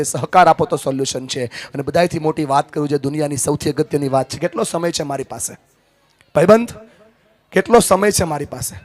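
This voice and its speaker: A male motivational speaker holding a handheld mic, talking live to an audience and switching between loud rousing calls and soft, confiding storytelling. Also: on the high side. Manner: swings from loud rousing calls to soft confiding talk, leads crowd chants. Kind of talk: live motivational speech to a crowd.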